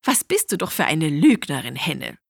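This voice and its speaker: Storybook cat, lazy and sneering, husky and giggly, as the woman reading puts her on. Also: low-pitched, big pitch swings, normal speed, no room sound, studio quality, pitched below the performer's own voice, heavily acted. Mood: mocking. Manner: mocking, giggly.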